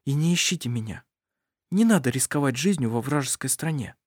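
A man reading the lines of a calm, strong-willed young woman in a hushed, steady voice, in a storybook reading. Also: medium pitch, fairly quick, no room sound, studio quality, lightly acted. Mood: calm resolve.

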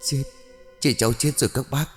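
A man's voice: medium pitch, steady tone, brisk, soft background music, voice pushed up, close to an everyday voice. Man reading as a terrified young ghost girl. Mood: pleading. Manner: pleading, tearful. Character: frightened twelve-year-old girl ghost servant.

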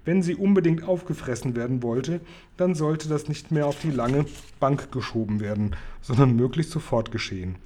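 A man reading a children's book aloud in a lively way, acting out the characters. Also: medium pitch, moderate pace, slight background noise. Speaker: storyteller.

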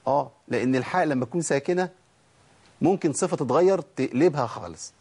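Fast-talking Egyptian man teaching recitation. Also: mid-range voice, breathy edge. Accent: Egyptian Arabic. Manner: drills letter sounds aloud, asks and answers his own questions. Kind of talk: tajweed lesson.

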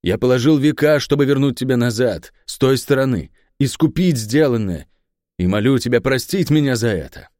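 A man's voice: medium pitch, animated, normal speed, a little mellow, no echo, clean studio sound, pitched above the performer's own voice, natural voice. A man reading an audiobook voices a guilt-ridden, obsessive man who pleads emotionally. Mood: remorseful. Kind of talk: audiobook character voice.

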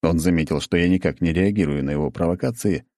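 Deep, dark-voiced male narrator. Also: quick pace, no room sound, clean studio sound. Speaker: audiobook narrator. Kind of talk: first-person audiobook narration.

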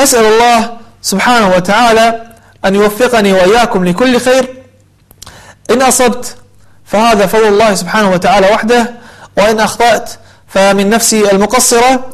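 A man teaching the rules of Quran recitation, explaining each rule and then reciting the verses slowly and drawn out. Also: high-pitched, rough recording. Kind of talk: tajweed lesson with slow recitation.

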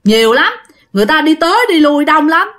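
A woman's voice: high-pitched, very animated, fairly quick, fairly bright tone. Chatty woman telling a ghost story. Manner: chatty, addresses listeners directly. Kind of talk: casual ghost story narration.

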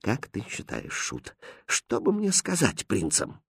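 A man's voice: medium pitch, huge pitch swings, normal speed, breathy edge, no room sound, studio quality, voice pushed up, exaggerated voice. A man voicing a pompous, somewhat bumbling king in a storybook reading. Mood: confiding. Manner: grand when formal, hushed when confiding.

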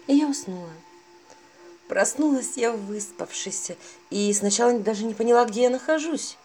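A woman telling a first-person story with a wry, lively delivery. Her voice sits fairly high for a woman, and faint music plays quietly behind her. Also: moderate pace. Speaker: narrator.

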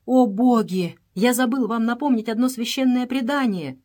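A devoted, fearful young servant speaks with deference and anxious urgency, as a woman reads him. The voice sits at a middling pitch for a woman. It comes from an audiobook. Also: expressive, moderate pace, a little mellow, lightly acted. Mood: deferential. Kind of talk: audiobook character reading.

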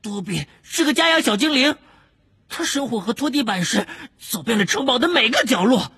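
A man voicing an excitable male house-elf servant in a shrill, squeaky, pleading voice. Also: moderate pace, husky, full character voice. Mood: earnest.

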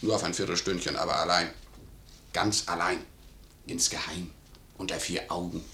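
An actor playing a sly, insinuating manservant in a 1950s radio play. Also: male voice, lowish voice, moderate pace, pushed and bright, a little hiss or hum. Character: sly, smooth-talking male manservant. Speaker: servant. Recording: echoey 1950s radio studio.

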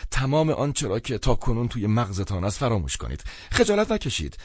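A man's voice: medium pitch, wildly swooping pitch, slightly rough, no room sound, clean studio sound, pitched above the performer's own voice. A man voicing a desperate, broke man of about thirty who pleads urgently and stammers, in an audiobook.

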